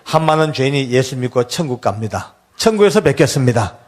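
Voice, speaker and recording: A man voicing his young son, a calm condemned inmate who speaks tenderly to his father. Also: mid-range voice, fairly quick, pitched below the performer's own voice. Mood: solemn. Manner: gentle, tender pleading. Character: calm young male death-row inmate, devoted son.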